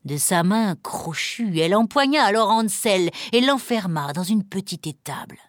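A woman narrating a fairy tale in a calm, measured reading with dramatic pauses. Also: medium pitch, no room sound, studio quality. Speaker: storyteller.

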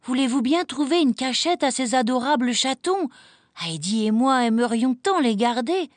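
A woman voicing a sweet, gentle young girl in a storybook reading, with a soft, pleading tone. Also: sits high, lively intonation, normal speed, no room sound, voice pushed up.

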